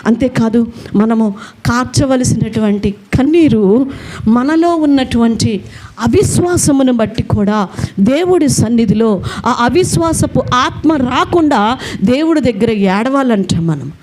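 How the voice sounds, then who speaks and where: A woman's voice: a little high, expressive, measured pace, a little mellow. A woman preaching a sermon in Telugu-accented speech, fervent and speaking straight to her listeners, repeating words for force. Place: prayer hall.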